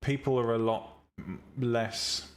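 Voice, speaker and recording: Speaking slowly at a medium pitch, a man on a live stream chats casually and bluntly with viewers about creating 3D tutorials. He teaches 3D rendering and visual novel making, his voice calm and relaxing, though he often says um and restarts.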